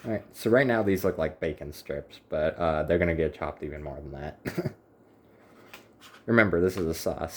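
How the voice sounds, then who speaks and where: A man's voice: extremely low pitch, a little hiss or hum. A man chatting casually to the camera while cooking in his home kitchen, rambling with wry little asides. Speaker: home cook, channel host.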